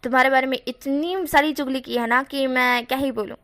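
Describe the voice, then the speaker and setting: A woman's voice: sits high, steady tone, a little fast, a bit bright. A woman voicing a friendly middle-aged uncle who teases the young guests fondly.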